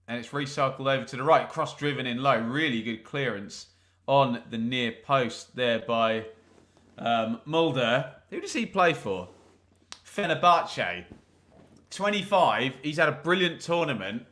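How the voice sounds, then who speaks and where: An English man hosts a live football watch-along, giving commentary on the match while chatting, joking and making asides to viewers. He has a bright, forceful voice pitched in the medium range.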